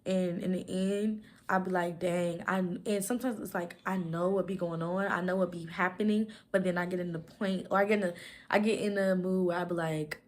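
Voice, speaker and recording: A woman in her twenties chatting casually to camera as a vlogger, talking fast in rambling runs, stumbling over words and leaning on fillers. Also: lowish voice, steady tone. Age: 20s. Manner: many "like" fillers.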